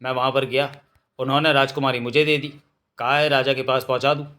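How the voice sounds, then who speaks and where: A man's voice: medium pitch, level tone, fairly quick, sharp tone, lightly acted. A man reading as a nervous young lad. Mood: earnest.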